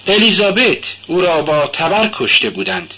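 A man voicing a timid, devout, poor young woman who answers softly and hesitantly, as a character in an audiobook. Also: high voice, animated, a little hiss or hum, pitched above the performer's own voice. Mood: quiet, sad. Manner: soft, hesitant, halting replies. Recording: dull lo-fi recording.

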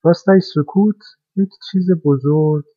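Man doing a big tired truck, slow and thoughtful, storybook, muffled dry audio. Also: on the high side, dark tone, husky, no echo. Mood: musing. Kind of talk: storybook character voice. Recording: dry, dull lo-fi recording.

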